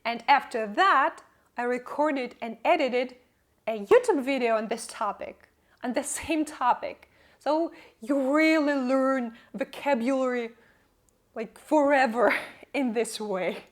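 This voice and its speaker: A woman's voice: high voice, slow pace. A woman whose first language is not English, telling the story of her English learning in an upbeat, reflective vlog. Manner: reflective, upbeat, laughs between points. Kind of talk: personal vlog narration.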